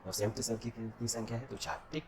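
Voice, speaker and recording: A man's voice: medium pitch, monotone, fast, creaky. A male teacher giving an exam-prep lesson. He asks questions and answers them himself, checking in with the class after nearly every point. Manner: drills with self-answered questions and constant "okay?" checks.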